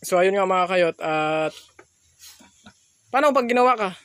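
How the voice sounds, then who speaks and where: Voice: mid-range voice, lively intonation, unhurried, a bit bright, no echo. A Filipino vlogger with slightly slurred speech from missing front teeth, talking casually to viewers and interviewing people on camera. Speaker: vlogger interviewing a family and host. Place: open rural shelter.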